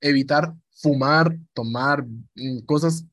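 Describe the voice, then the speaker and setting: A man's voice: on the high side, fairly even intonation, slow, fairly bright tone, no room sound. Chatty man teaching radio presenting. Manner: chatty, repeats himself, demonstrates voices. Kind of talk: informal online lesson.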